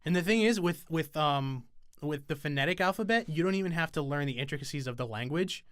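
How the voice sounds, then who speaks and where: A man's voice: on the high side, fairly quick, a bit bright, no echo. A young man hosting a podcast in casual chat, rambling and swearing freely with many fillers and restarts. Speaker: podcast host.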